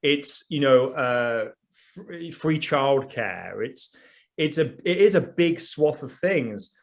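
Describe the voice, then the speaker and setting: A man with a British accent, a sociologist answering panel questions in a relaxed, conversational way with frequent fillers. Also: mid-range voice, slow pace. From United Kingdom.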